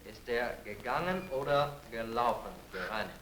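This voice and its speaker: A man interpreting live in a courtroom in short, halting phrases. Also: mid-range voice, animated, a bit bright. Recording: echoey archival courtroom audio, faint noise.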